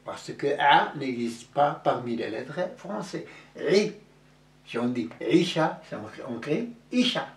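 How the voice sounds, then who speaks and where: A man teaching Arabic letters in French, speaking slowly and repeating each sound several times over. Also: on the high side, lively intonation. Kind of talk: slow classroom-style letter lesson. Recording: echoey room, voice from a distance.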